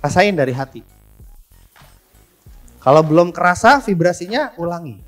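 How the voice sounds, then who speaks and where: A man's voice: high voice, very animated, moderate pace, faint music behind. A man, teaching a live persuasion seminar, quizzing and joking with the room. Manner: coaching, quizzing the audience, joking. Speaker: persuasion trainer.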